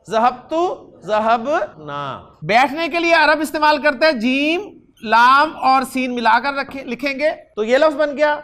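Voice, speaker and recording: An Arabic grammar teacher, reciting verb conjugations aloud and quizzing the class with quick questions. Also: high-pitched, a bit bright.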